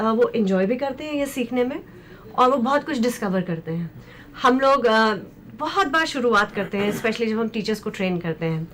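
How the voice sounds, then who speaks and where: A woman teaching as a special education expert, speaking in a slow, deliberate way and mixing Hindi with English. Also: a little high, fairly bright tone, slight background noise. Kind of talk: explanatory lecture discussion.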